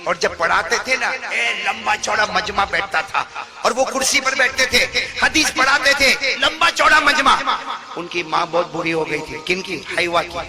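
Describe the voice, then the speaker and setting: A male preacher telling a story in a sermon, calling on the audience to answer him. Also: high-pitched. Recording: background music.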